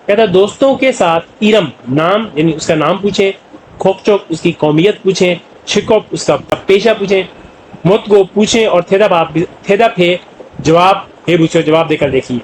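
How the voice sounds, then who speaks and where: High-voiced man explaining a language lesson. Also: slight background noise, poor audio. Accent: Pakistani Urdu. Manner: translates word by word, with many "jo hai na" fillers. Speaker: Korean language teacher.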